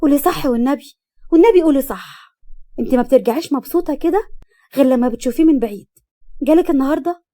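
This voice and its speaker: A woman voicing an excitable, nosy teenage younger sister who teases and fires off questions, in an Egyptian accent. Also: sits high, lightly acted. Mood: teasing. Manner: teasing, rapid-fire questions.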